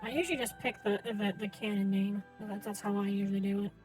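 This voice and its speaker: A woman's voice: medium pitch, steady tone, fast, low-quality recording. Woman game streamer talking over music. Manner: hesitant, thinking aloud. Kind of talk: casual live game commentary.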